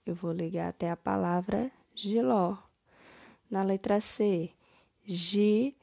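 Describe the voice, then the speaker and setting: A woman teacher, slowly correcting first-grade homework step by step, stressing each word. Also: mid-range voice, gravelly, warm tone, dry recording, studio quality.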